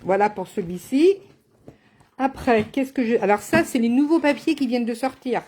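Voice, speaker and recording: A woman's voice: a little high, normal speed, mellow. A woman running a live card-making tutorial as a craft demonstrator, chatty and teasing, speaking to viewers by name. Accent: has an accent, not named.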